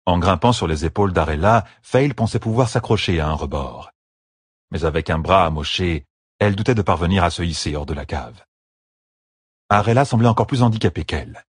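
A man reading an audiobook novel aloud as narrator, in an expressive storytelling manner. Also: low-pitched, a little fast, husky, no room sound, studio quality. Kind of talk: scripted narration.

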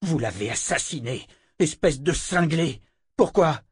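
A man's voice: medium pitch, normal speed, slightly rough, dry recording, natural voice. A man voicing a heated, accusing young man in an audiobook. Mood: angry. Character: angry young man, defiant.

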